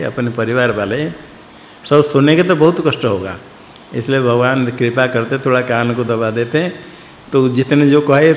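A man teaches scripture with a slow, unhurried delivery and a gravelly edge to his voice. He explains each word in turn and asks his listeners questions. The recording sounds echoey, like a long hall, with faint noise underneath. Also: mid-range voice. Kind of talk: scripture commentary lesson.

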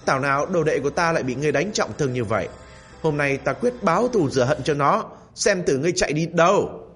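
A man's voice: a little high, expressive, quick pace, fairly bright tone, soft background music. A man doing a haughty old river god villain. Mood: grudging, vengeful. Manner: haughty, mocking, commanding.

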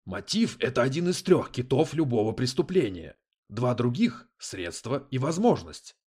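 A man voicing a brash male police detective who talks in crude slang, loud and sarcastic. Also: medium pitch, sing-song, moderate pace, breathy edge, pitched above the performer's own voice. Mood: needling.

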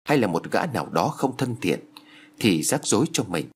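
A man reading a story aloud as an audiobook narrator, with lively storytelling and small tone shifts for each character. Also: lowish voice, moderate pace, slightly rough.

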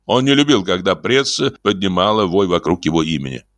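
A man narrating an audiobook in a lively, theatrical storytelling manner on a close studio mic. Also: low-pitched, brisk, dry recording. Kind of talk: expressive literary narration.

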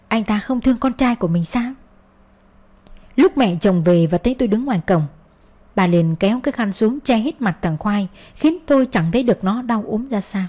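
A woman's voice: fairly high pitch, mellow. A woman narrating a first-person audio story in a wounded, bitter tone.

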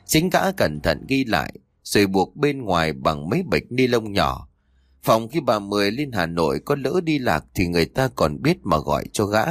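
A man narrating a ghost story for an audiobook in an expressive storytelling manner. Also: fairly low pitch, moderate pace, no room sound. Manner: expressive, voices the characters' cries and quarrels.

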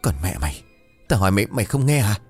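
A man's voice: on the low side, sing-song, fast, slightly rough, soft background music. A man voicing a bad-tempered older male landlord who snaps and curses at his servant. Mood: scared bluster. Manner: snapping, scolding and cursing.

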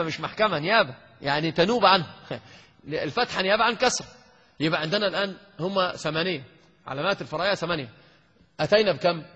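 A man's voice: high voice, pushed and bright, breathy edge. A man teaching Arabic grammar to a class, quizzing and teasing his students as he goes. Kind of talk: classroom lesson with questions to students. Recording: lo-fi lecture recording in a long-reverb hall.

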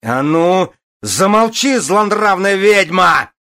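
A man's voice: high voice, lively intonation, slow, pushed and bright, pitched above the performer's own voice, exaggerated voice. A man reading an audiobook, voicing a jealous, brutal warrior husband who roars accusations. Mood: raging. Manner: roaring, accusing.

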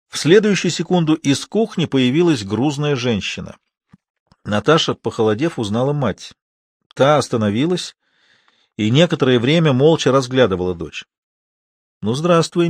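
A man narrating a novel in an even, measured reading. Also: medium pitch, no room sound, clean studio sound. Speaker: audiobook narrator. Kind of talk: scripted narration.

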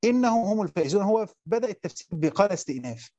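A rapid, rather high-voiced man with an Egyptian Arabic accent delivers a classroom lesson. He reads a passage aloud, then explains it and asks his listeners questions. The recording is dry and lo-fi. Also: expressive, a little mellow, no echo. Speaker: teacher of Quran commentary. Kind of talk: classroom lecture reading and explaining a text.

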